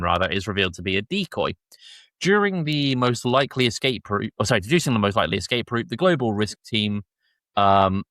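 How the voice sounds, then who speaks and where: A man with a lowish, slightly bright voice hosts a casual review podcast, explaining plot summaries and frequently correcting himself mid-thought. The recording has no echo.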